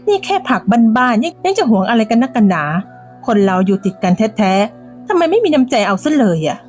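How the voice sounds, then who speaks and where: A woman's voice: fairly high pitch, very animated, brisk, darkish tone, soft background music. A woman voicing a hot-tempered daughter in her thirties who speaks sharply and indignantly. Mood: angry.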